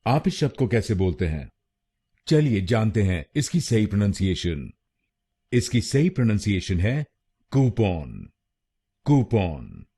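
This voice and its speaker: A man teaching pronunciation, who breaks a word into syllables and says each one slowly and more than once. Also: fairly low pitch, very animated, mellow, slightly rough. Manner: slow, deliberate, repeats each syllable. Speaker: pronunciation tutor. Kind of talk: scripted pronunciation lesson.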